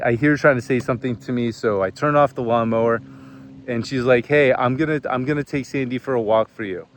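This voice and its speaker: A man's voice: mid-range voice, slight background noise. A man giving a casual motivational talk, earnest and conversational, telling a personal story with frequent fillers. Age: adult, served in the military. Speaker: host.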